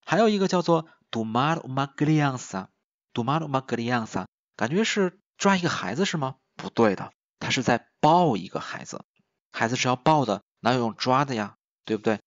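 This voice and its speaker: A man teaching a recorded lesson with a lively, rising and falling voice. He talks like a friendly tutor, poses questions to his listeners and slows right down to repeat each example word twice. The recording is dry, with a slightly dull, muffled tone. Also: medium pitch, no echo. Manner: slow, drawn-out repetition of example words. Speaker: language teacher.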